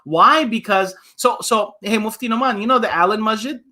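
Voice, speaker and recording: The imam reads to children and chats with them in an animated, conversational manner, posing questions along the way. He speaks at a moderate pace in a high register.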